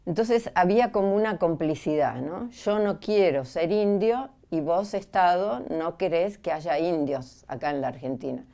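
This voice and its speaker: Low, mellow-voiced woman on a panel. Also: normal speed, vocal fry, hardly any pauses. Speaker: panel guest. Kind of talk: panel discussion.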